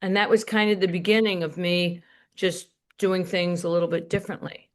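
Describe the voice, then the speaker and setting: A woman's voice: on the low side, fairly even intonation, moderate pace. An older woman comedian in a candid interview, telling rambling anecdotes about her career and laughing as she goes. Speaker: comedian guest.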